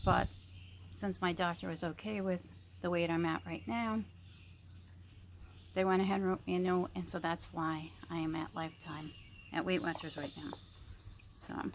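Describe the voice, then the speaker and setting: A woman in her early fifties with a slightly low voice, recorded with some background noise. She talks in a casual vlog style, rambling and thinking out loud, often stopping partway through a sentence before picking it back up. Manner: rambling, reflective, pausing mid-sentence. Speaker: vlogger. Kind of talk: casual chit-chat mukbang vlog.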